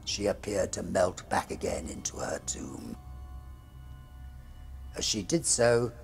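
The narrator, a middle-aged man, has a low, gravelly, husky voice. He recounts a gothic ghost story theatrically, at a measured and suspenseful pace.

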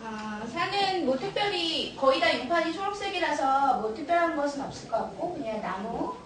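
A woman teacher trainer giving a storytelling workshop, animated and often laughing, mixing English words into her talk. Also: sits high, moderate pace, far from the mic. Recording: echoey room, recorded from afar, noisy.

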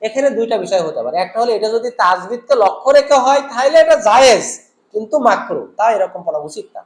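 A man's voice: sits high, sing-song, fast talker, echoey room. A man teaching Quran recitation in an online lesson, explaining each rule and chanting short examples.

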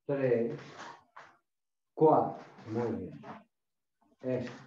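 Very slowly but with lively intonation, a medium-pitched middle-aged man barks counts and quick drill commands to his karate class, coach-style. It's an indoor home dojo with mats, recorded from a camera across the room, so it sounds distant, echoey and dull with faint noise.

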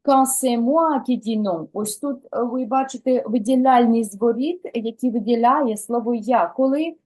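A woman teaching a French lesson who explains song lyrics and slowly models pronunciation for the learners to repeat. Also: on the high side, darkish tone.

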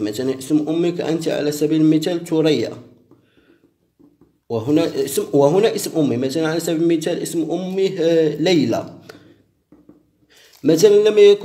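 A man from Morocco, a sheikh, giving slow step-by-step instructions and repeating each phrase as he dictates. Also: fairly high pitch, dark tone. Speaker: sheikh teaching a ritual.

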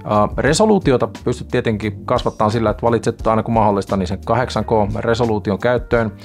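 Calm, low-voiced man reviewing gear. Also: faint music behind. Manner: calm, unhurried, frequent hesitant fillers. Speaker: sailing channel host. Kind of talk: camera review talk to camera. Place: small home studio with desk and monitor.

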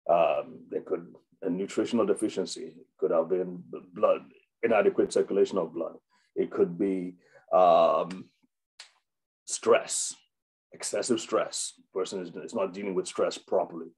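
A man's voice: deep voice, steady tone, normal speed, darkish tone, slightly rough, rough recording. A man, a doctor, giving an unscripted health webinar, with many fillers and restarts. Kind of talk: informal health talk.

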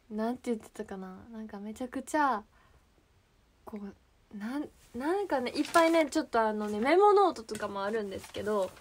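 A young woman from Kansai with a high voice chats casually on an idol livestream. She rambles in a chatty way, often searching for the right words.

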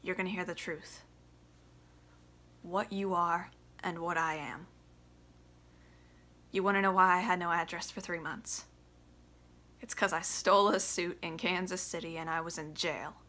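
Bright, forceful bitter son acted by a young woman. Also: fairly even intonation, unhurried, long pauses. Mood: bitter, accusing. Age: young adult. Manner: emphatic, confrontational, swinging from low to shouting. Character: bitter, desperate grown son confronting his father. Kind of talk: theatrical audition monologue. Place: small plain room indoors.

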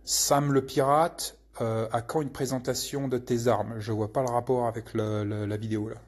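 A man's voice: mid-range voice, level tone, normal speed, a little mellow. A man hosting a casual live question-and-answer session, rambling with many hesitations and crude slang. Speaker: channel host answering viewer questions.

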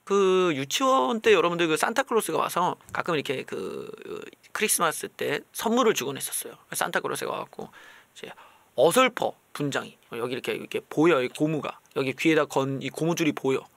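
A man's voice: a little high, lively intonation, a little fast, gravelly, a bit bright, dry recording. A man live streaming, telling casual comic stories in a sardonic way and acting out voices.

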